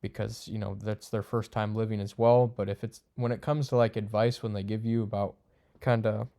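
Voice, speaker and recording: Low flat-voiced young man, blunt and rambling. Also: normal speed. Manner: blunt, crude, rambling with many fillers. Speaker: video creator ranking friend types. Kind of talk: casual unscripted commentary.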